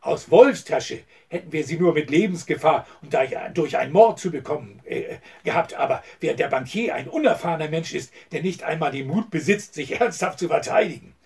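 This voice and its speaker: A man's voice: on the high side, animated, a little fast, vocal fry, few pauses, slightly rough, far from the mic, full character voice. A man reading the part of a scheming, hot-tempered male oil swindler in an audiobook, talking agitated and bitter. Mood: relieved.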